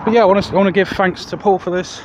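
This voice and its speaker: Strolling beside busy roads, a southeast English man vlogs to camera in a high, fairly even voice, talking rapidly but rambling and hesitating. His handheld external microphone picks up muffled outdoor sound and heavy traffic.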